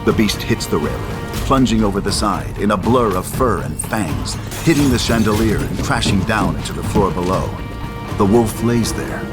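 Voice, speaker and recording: A male narrator reads stage directions in a deep register, delivering dramatic storytelling over a clear musical score.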